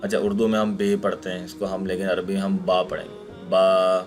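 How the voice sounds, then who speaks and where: A patient male teacher talks through a recorded online lesson in a fairly low voice, sounding out each letter slowly and repeating it aloud. Soft music plays faintly behind him. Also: level tone. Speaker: Quran recitation teacher.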